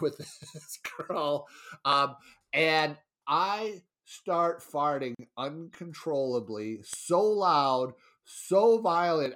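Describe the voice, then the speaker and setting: A young adult man telling a story in a casual podcast chat, animated and laughing often, putting on other people's voices. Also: fairly high pitch. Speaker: podcast co-host.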